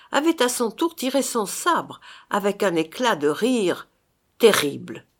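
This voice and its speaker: A woman reading a gothic tale aloud as narrator, in a dramatic, theatrical way. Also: mid-range voice.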